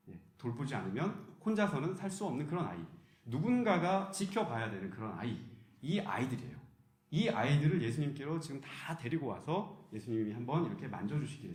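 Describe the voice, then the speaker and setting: A man preaching a sermon as pastor, telling the story in a lively way and acting out the voices he quotes. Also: medium pitch. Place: church hall. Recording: roomy church echo.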